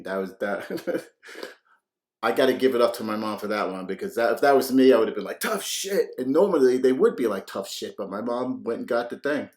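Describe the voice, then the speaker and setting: Swearing man in his fifties, low voice. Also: reverberant. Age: 50s. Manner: rambling, profane, laughs often. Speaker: reaction video host. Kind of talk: casual reaction commentary.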